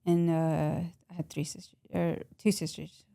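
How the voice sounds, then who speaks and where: A woman from Texas, a podcast guest giving soft-spoken, short and plain answers. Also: low-pitched, flat delivery, normal speed, gravelly, no room sound, clean studio sound. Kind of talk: interview answers.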